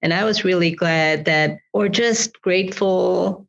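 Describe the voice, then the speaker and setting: A woman's voice: lowish voice, measured pace, gravelly, a bit bright, dull audio. A woman in her forties from Malawi, a school board president answering interview questions earnestly, often repeating words as she finds her phrasing.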